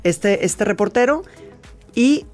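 A woman's voice: mid-range voice, animated, slow, darkish tone, soft background music. A Mexican woman, a laughter therapy expert, telling her story as a guest in a conversational interview, chatty and full of restarts.

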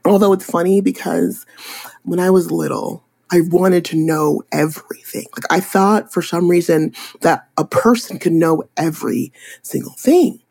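A woman's voice: lowish voice, normal speed, creaky, slightly rough. A young adult woman, a photographer and attorney, chatting animatedly in an interview and acting out little scenes. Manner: animated, chatty, acts out voices in anecdotes. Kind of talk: casual interview storytelling.

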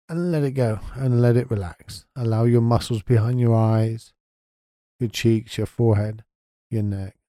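Soft-spoken man, deep mellow tone. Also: no room sound, studio quality. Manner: soft, slow and soothing. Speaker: meditation guide. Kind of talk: guided sleep meditation.

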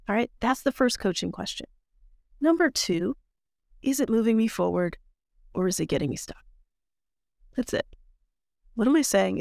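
A woman's voice: mid-range voice, no echo, clean studio sound. A woman hosting a motivational coaching podcast, talking emphatically and repeating key phrases for stress. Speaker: podcast host and life coach.

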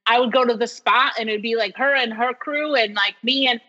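A woman from New York in her forties, a professor telling stories as an interview guest in an animated way, laughing often. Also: a little high, a little fast. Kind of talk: casual storytelling interview. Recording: dull lo-fi sound with long reverb.

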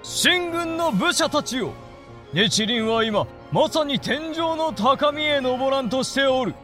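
A man's voice: very high-pitched, animated, takes it slowly, sharp tone, soft background music, exaggerated voice. A man playing a proud samurai commander, proclaiming grandly to his army like a town crier in a period drama. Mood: rousing. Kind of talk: period audio drama acting.

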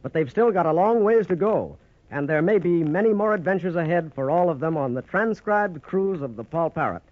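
A man closing an old radio adventure show as its announcer. He speaks in a measured, even sign-off manner. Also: fairly high pitch, dry recording. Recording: dull, dry old radio broadcast recording.

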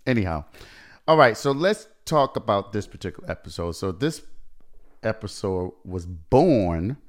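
A man's voice: fairly low pitch, sing-song, unhurried. A young man hosting a casual podcast chat, laid-back and chatty, laughing often as he tells stories. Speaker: podcast host.

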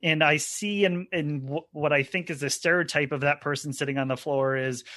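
Bright-voiced man, halting host. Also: a little high, steady tone. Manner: halting, repeats words while framing questions. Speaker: podcast host. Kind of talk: podcast interview.

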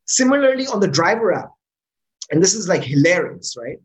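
On a rough recording, a brisk, medium-pitched startup founder from Pakistan answers interview questions in a casual manner. He repeatedly tags sentences with "right?" and restarts words when excitement builds.

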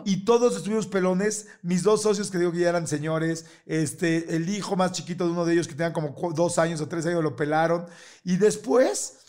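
A middle-aged Mexican man telling a casual, lively anecdote, laughing often and acting out the other people's voices. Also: high-pitched, brisk. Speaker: guest telling a story.

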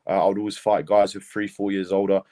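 A man's voice: sits low, little pitch movement, quick pace, dark tone. A young man from Lithuania with a British accent, a fighter telling his story in a casual podcast interview, rambling and laid-back with lots of fillers. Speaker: mixed martial arts fighter, guest.

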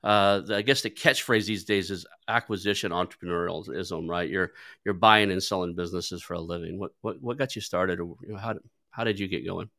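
Deep-voiced and speaking a little fast, this podcast host has vocal fry and a pushed, bright tone. His interview talk is loose, full of stumbles, restarts and fillers such as "like," all captured in clean studio sound without echo.

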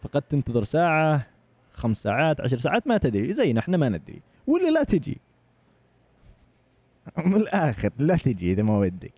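A young Saudi man with a Saudi Arabic accent telling travel stories in casual chat, animated and full of acted-out voices. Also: on the high side, fast talker, pauses often, no room sound. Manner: animated, acts out voices in anecdotes. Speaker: guest. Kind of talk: casual storytelling.

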